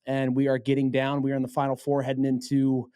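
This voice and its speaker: A man's voice: medium pitch, monotone, quick pace, warm tone, clear, resonant tone. A man hosting a sports podcast in easygoing, casual chat with plenty of fillers. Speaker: podcast host.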